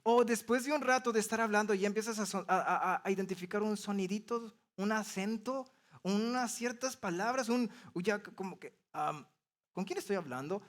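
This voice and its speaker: Man, pastor, sermon, relaxed explanatory delivery, fairly high voice. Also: moderate pace. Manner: conversational, explains step by step with everyday examples.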